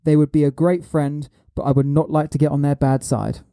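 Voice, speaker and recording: A man's voice: a little high, little pitch movement, fairly quick, warm tone, smooth, dry recording, studio quality. A man hosting a casual podcast, reading out quiz clues and teasing his co-hosts.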